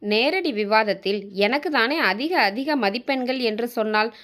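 A woman with a Tamil accent reading a short story aloud as a storyteller, steady and even. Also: on the high side, a little slow. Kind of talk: scripted story narration.

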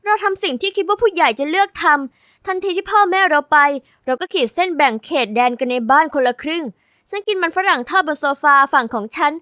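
A woman narrating a first-person animated diary story in a lively, sassy way. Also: extremely high pitch, fast talker, dry recording, clean studio sound.

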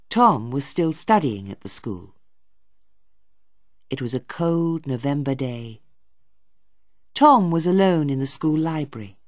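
Woman reading a storybook aloud, super slow and clear, dry. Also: extremely low pitch, dry recording. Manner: slow, even, carefully clear. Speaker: narrator. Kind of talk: scripted audiobook narration.

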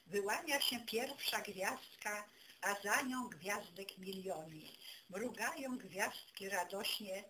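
A woman giving a folk poetry recital, declaiming rhymed festive verse in measured phrases with pauses between them. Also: mid-range voice. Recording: clearly noisy amateur recording.

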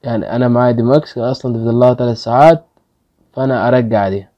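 A man's voice: mid-range voice, steady tone, rapid-fire, dark tone, dull audio. A man with an Egyptian Arabic accent hosting a casual gaming video, pleading with his luck and grumbling when the results go badly. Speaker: gaming channel host.

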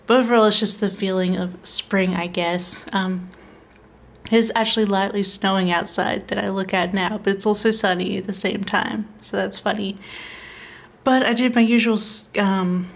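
A woman's voice: mid-range voice, fairly even intonation, normal speed, creaky. A young woman talking casually over her planner video, rambling along with frequent ums and small laughs. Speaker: planner vlogger.

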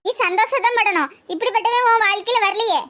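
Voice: very high-pitched, fast, bright, forceful tone. A voice artist playing a blunt, scolding elderly village grandmother with a Tirunelveli Tamil accent in a cartoon comedy.

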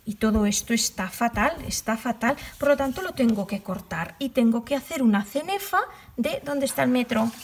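Chatty high-voiced woman crafting. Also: animated, moderate pace, a little hiss or hum. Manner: chatty, self-mocking, trails off into whispers while working. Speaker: crochet tutorial host. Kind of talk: casual tutorial chat.

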